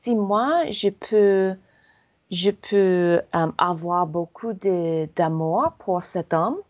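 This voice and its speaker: Woman, American accent, native English speaker, slow and hesitant, lower voice, muffled lo-fi sound. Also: darkish tone. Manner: hesitant, searching for words, many fillers. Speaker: language learner guest. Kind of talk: halting conversational French. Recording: dull lo-fi audio.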